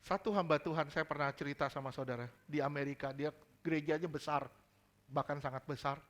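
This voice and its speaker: A male pastor delivers a sermon with a high, bright, forceful voice. He drives his points home by repeating them and putting questions straight to the congregation. Casual slang slips into his preaching. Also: fairly even intonation, fairly quick. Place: church service.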